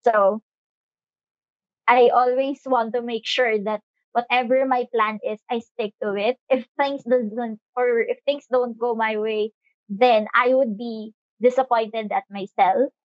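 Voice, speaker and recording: A woman in her twenties with a Filipino accent, co-hosting a conversational podcast with emphatic, deliberate phrasing. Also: fairly high pitch, steady tone, no echo. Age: 20s. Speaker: podcast co-host. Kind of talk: conversational podcast talk, mixing English and Tagalog. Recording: slightly dull, dry lo-fi audio.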